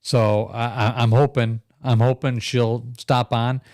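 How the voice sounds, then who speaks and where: A man's voice: mid-range voice, flat delivery, unhurried, darkish tone, no echo, clean studio sound. A middle-aged man hosting a live podcast stream in a rambling, chatty way, laughing often and reading viewer comments aloud. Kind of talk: casual live-stream chat.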